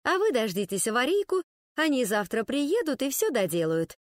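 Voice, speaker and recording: A spoiled young wife in an audiobook, purring and breathy, sarcastic toward everyone around her, as a woman narrator puts her on. Her voice sits high and swings widely, close and dry. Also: big pitch swings, normal speed, dry recording.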